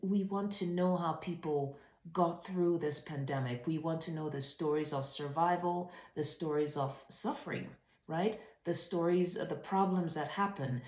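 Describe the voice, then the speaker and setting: A woman with a low, darkish voice speaks at a normal pace in an echoey room. She's presenting a writing webinar, teaching in an earnest, emphatic, conversational way and posing rhetorical questions to her audience.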